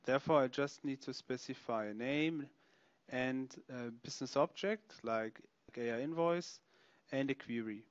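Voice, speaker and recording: A man narrating a software product demonstration, explaining features step by step as he clicks through them. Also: medium pitch, clean tone, no echo, lo-fi sound. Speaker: software demo presenter.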